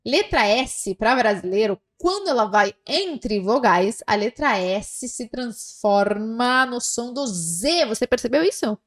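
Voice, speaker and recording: Slow, patient woman teacher. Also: fairly high pitch, animated, fairly bright tone. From South America. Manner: slow, patient, repeats words for the learner to echo. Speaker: Spanish teacher. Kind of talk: language lesson with pronunciation drills.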